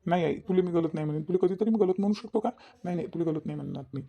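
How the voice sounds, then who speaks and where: Protective young adult son in a cartoon, voiced by a woman; lowish, very fast, insistent. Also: creaky, warm tone. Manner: insistent, pleading. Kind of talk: cartoon voice acting.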